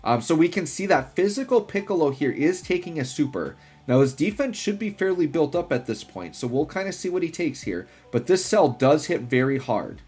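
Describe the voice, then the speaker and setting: A man giving casual, slangy gameplay commentary in an excited, rambling way. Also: a little high, normal speed, hardly any pauses, husky. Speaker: gaming video host. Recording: music behind the voice. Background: music.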